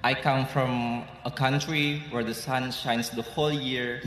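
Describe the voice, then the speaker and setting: A man's voice: medium pitch, fairly even intonation, unhurried, fairly bright tone. A man with an Indonesian accent, giving an earnest, grateful commencement speech with light humor in a large hall. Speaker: graduation speaker. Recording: echoey hall with crowd.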